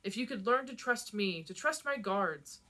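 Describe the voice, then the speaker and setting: A woman's voice: medium pitch, animated, moderate pace, pushed and bright. A woman reading aloud as an earnest, defensive young male prince who argues and pleads. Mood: insistent. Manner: insistent, pleading.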